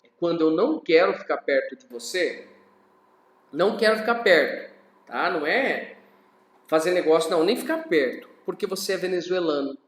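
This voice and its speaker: A man's voice: on the high side, sing-song, normal speed, roomy sound. A man teaching a recorded class lecture in a conversational way, often checking in with tag questions.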